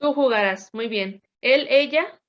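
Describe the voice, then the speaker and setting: Higher-voiced woman teaching grammar. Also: unhurried, lo-fi sound, slight background noise. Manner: patient, drills conjugations with call-and-response. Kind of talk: classroom lesson.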